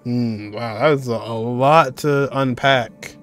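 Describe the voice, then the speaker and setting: Speaking slowly at a medium pitch, a young man hosts a game reaction video from a desk indoors, with faint music in the background. His commentary is casual and live, animated as he exclaims and laughs at what's on screen.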